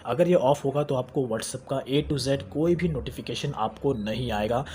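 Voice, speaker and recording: A man's voice: medium pitch, unhurried, mellow, slight background noise. A young man hosting a phone tech tutorial, chatty and repetitive, mixing English terms into Hindi as he walks through settings. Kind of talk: screen-recorded how-to tutorial.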